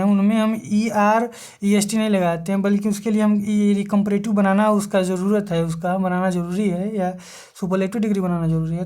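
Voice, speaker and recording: A woman's voice: mid-range voice, darkish tone. Woman, grammar teacher, online exam-prep lecture; asks rhetorical questions, answers them herself, spells words out.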